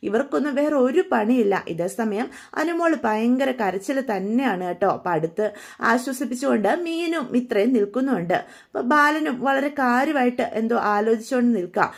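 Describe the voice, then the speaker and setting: A woman with a fairly high voice hosts a relaxed recap of a TV serial episode. She talks in a chatty, friendly way, dropping colloquial fillers as she retells the story. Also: fairly quick.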